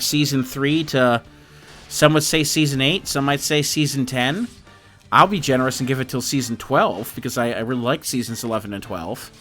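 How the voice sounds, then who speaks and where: A man hosting a let's play, rambling casually through gameplay commentary in a quiet, easygoing way. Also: mid-range voice.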